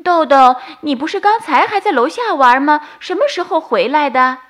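A woman voicing a mother who calls her child loudly and teases fondly in a bedtime story. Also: mid-range voice, animated, unhurried, close to an everyday voice. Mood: calling. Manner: loud calling, teasing.

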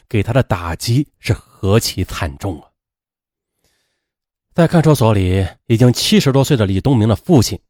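Husky male true-crime storyteller. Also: medium pitch, mellow, no echo, clean studio sound. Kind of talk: dramatic true-crime narration.

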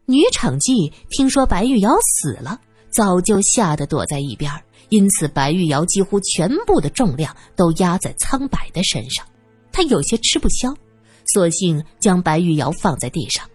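A woman's voice: lowish voice, big pitch swings, moderate pace, a little mellow, breathy edge, no echo. A woman narrating a story, reading expressively and acting out the scenes. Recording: dry close voice with faint music.

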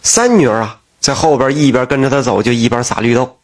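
A man narrating a folk tale in a lively, folksy manner. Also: medium pitch, fairly quick. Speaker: storyteller.

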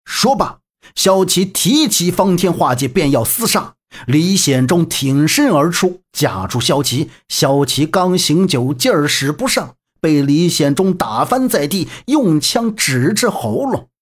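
A storyteller narrating a serialized historical novel in an expressive manner. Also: medium pitch, a little slow, slightly rough.

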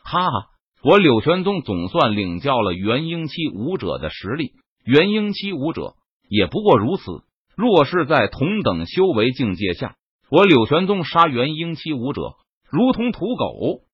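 A man voicing a fierce, defiant sword-sect leader who shouts proud battle cries in an audiobook. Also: mid-range voice, sing-song, unhurried, husky, dry recording, highs cut off, full character voice. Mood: laughing scorn.

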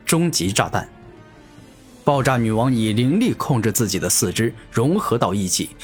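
A male narrator reading a fantasy web novel, dramatic and emphatic, with a lively up-and-down pitch. Soft music runs underneath the narration.

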